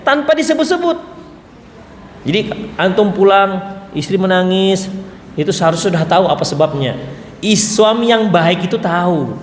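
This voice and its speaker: A man preaching to a congregation in a hall with a long, echoing reverb. His voice sits high and bright, and he talks in a lively way, mixing jokes with acted-out dialogue. Faint room noise runs underneath. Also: normal speed, pauses often. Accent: Indonesian. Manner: lively, joking asides with acted quotes. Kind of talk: mosque sermon. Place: mosque hall.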